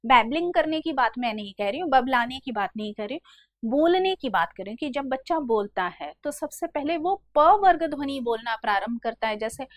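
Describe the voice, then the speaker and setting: High-voiced woman teaching grammar. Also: lively intonation, no echo, studio quality. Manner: explains step by step, calls students "beta"; slowly sounds out letters one by one. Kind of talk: classroom lesson.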